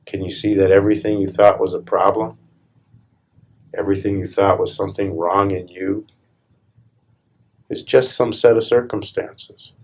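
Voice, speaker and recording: A man's gravelly, husky voice sits low as he guides a meditation in the role of a spiritual teacher. He speaks in short phrases, calm and deliberate, with measured pauses in between.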